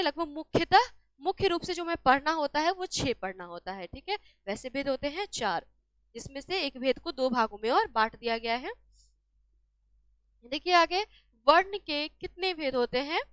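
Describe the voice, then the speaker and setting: A woman's voice: high voice, no echo. A woman teaching a lesson on exam solutions, asking each question and answering it herself.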